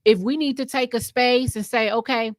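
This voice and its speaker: A woman's voice: on the high side, steady tone, moderate pace, no room sound. A woman hosting a podcast in casual conversation, earnest and repeating her points for emphasis. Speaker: podcast host.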